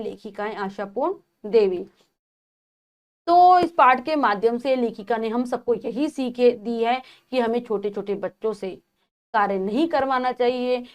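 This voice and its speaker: A woman teacher patiently reading and explaining a textbook lesson, retelling the story in her own words. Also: a little high.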